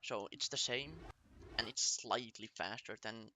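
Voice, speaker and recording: A man's voice: lowish voice, measured pace, sharp tone, a little hiss or hum. A man speaking as a speedrunner, giving a casual route tutorial in short, step-by-step instructional phrases. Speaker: speedrunner explaining a game route to viewers.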